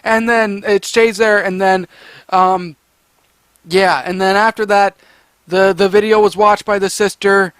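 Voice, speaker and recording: High-voiced man ranting, stammering. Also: steady tone, measured pace, a bit bright, smooth, no echo. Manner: rambling, stammering, exasperated. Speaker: creepypasta reviewer. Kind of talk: ranting commentary.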